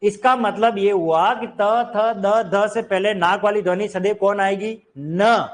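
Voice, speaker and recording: A man's voice: high voice, steady tone, slow pace. A man teaching a grammar class, explaining step by step and quizzing his students. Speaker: Hindi teacher. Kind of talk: classroom lecture.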